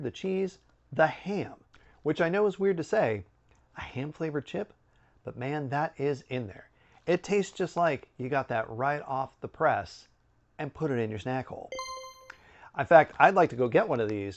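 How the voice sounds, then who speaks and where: A middle-aged man giving a casual product review to camera, conversational, with musing pauses and asides. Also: medium pitch, dull audio. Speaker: snack review video host. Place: indoor room with bookshelves.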